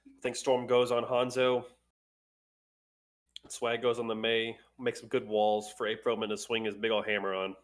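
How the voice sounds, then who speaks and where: A man's voice: medium pitch, little pitch movement, normal speed. A man co-casting an esports match, giving laid-back analysis with casual slang. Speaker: esports co-caster.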